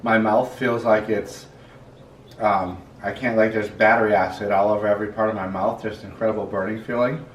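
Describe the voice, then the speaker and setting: A man's voice: on the low side, steady tone, brisk. A man in severe stomach pain, talking casually to the camera from a hospital emergency room. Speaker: vlogger. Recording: very echoey, noisy, far from mic.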